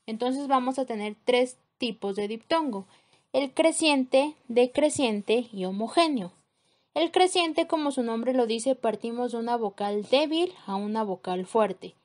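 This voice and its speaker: A woman teacher explaining a grammar lesson in a measured way, spelling out examples letter by letter. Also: a little high, lively intonation, darkish tone.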